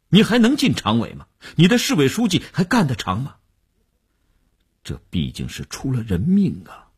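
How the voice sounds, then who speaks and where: A shrewd middle-aged businessman in a radio story, played by a man. His voice is very deep and husky, and he talks in a slow, low, weighty way. His pitch climbs and falls widely as he presses his point. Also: darkish tone, heavily acted.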